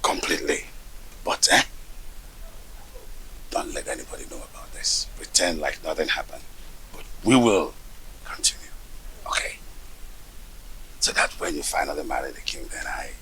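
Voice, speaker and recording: A man playing a scheming secret lover who talks in a hushed, conspiratorial whisper and chuckles slyly. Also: very deep voice, lively intonation, normal speed, pauses often, full character voice, low-quality recording. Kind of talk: film drama acting.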